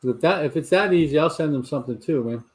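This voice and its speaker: A man in his sixties with a Southern drawl hosts a casual live cigar show from his garage. His voice sits at a medium pitch. He tells long, meandering stories, stumbling and restarting as he goes. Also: quick pace, darkish tone. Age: 60s. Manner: rambling storyteller with frequent restarts. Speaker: host of a livestream cigar talk show. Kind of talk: casual chat to a live audience. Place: home garage.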